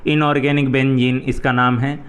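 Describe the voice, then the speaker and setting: A man's voice: mid-range voice, flat delivery, moderate pace, a bit bright, smooth. A male chemistry teacher with a Hindi accent, giving an exam revision lecture and explaining each step patiently with frequent check-ins to students. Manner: explains step by step, repeats "ठीक है" often.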